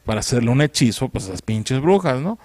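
A man's voice: medium pitch, animated, fast talker, a little mellow, dry recording. A man with a Mexican accent giving a crude, mocking, slang-filled comedic film recap. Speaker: film critic.

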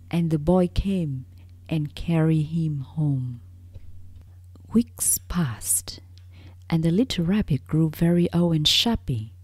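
A woman storyteller reading a soothing bedtime story in a soft, hushed, half-whispered voice. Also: low voice, slightly rough, no echo.

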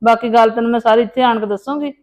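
A woman's voice: on the high side, steady tone, very fast, a little mellow, lightly acted. A woman playing a fretful, grumbling and demanding mother-in-law in a family drama. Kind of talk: dramatic monologue and phone dialogue in a family serial.

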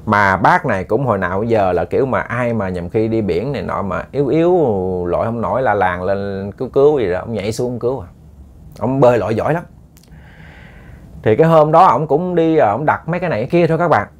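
A man's voice: fairly low pitch, animated, fairly quick. Chatty Southern Vietnamese male storyteller. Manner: casual, chatty, many repeated words. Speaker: ghost story host. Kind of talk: storytelling to listeners.

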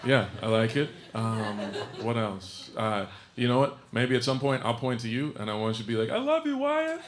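A man's voice: medium pitch, fairly even intonation, normal speed. Dry, wry man doing stand-up. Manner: dry, wry, sarcastic banter with the audience. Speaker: stand-up comedian. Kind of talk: stand-up set addressing the crowd. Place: comedy club stage with a live crowd. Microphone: stage microphone. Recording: live album, loud crowd noise. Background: audience laughter.

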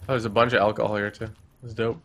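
A man's voice: fairly low pitch, flat delivery, fast, fairly bright tone, a little hiss or hum. A man playing a co-op survival game, talking casually and practically with mild exclamations. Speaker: co-op gaming partner. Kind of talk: casual let's-play chat.

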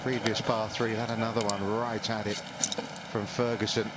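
A man's voice: on the low side, level tone, moderate pace. A man giving golf commentary as a broadcast commentator. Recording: very noisy outdoor broadcast ambience.

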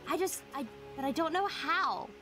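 A woman's voice: high-pitched, animated, normal speed, pushed and bright, soft background music. A woman voicing a dreamy, spacey young princess in a comedic fan dub, airy and rambling.

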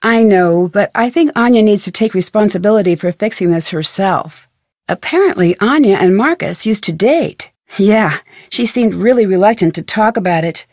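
A young woman voices a friendly, curious, plucky amateur detective in a video game, her delivery earnest, conversational and thoughtful. Her mid-range voice is expressive and a little mellow at normal speed, recorded at studio quality with no room sound.

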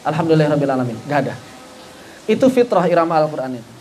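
A man's voice: high-pitched, moderate pace, a little hiss or hum. A man teaching an online Quran recitation class. He poses rhetorical questions, answers them himself, and chants short passages as examples. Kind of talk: online tajwid lesson.

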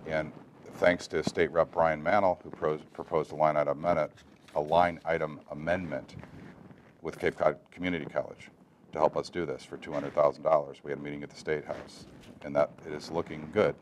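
Guy in his 40s, super deep voice, deliberate expert interview talk, faint noise behind. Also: flat delivery. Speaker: guest expert on water testing. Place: indoor studio set lined with bookshelves. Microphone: lapel mic.

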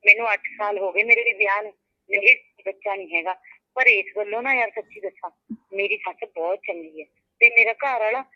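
A woman's voice: mid-range voice, no room sound, natural voice. A woman playing a married friend who comforts her old college friend over a phone call, with an emphatic, reassuring manner. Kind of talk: web drama acting.

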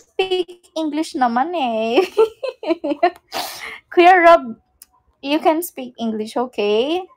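A woman's voice: high-pitched, lively intonation, very slow, pauses often. A young woman from the Philippines hosting an idol livestream, chatting casually with viewers, teasing them playfully and mixing in English, laughing often.

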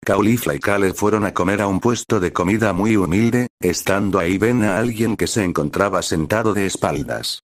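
A man's voice: deep voice, normal speed, hardly any pauses, no echo, clean studio sound. A man narrating a fan story, plainly reading out each speaker and the stage directions. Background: faint music.

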